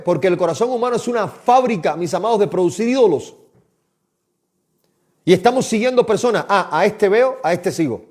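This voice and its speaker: High-voiced preacher, impassioned. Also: male voice, darkish tone. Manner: impassioned, exhorting, addresses listeners as "mis amados". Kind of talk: live-streamed sermon.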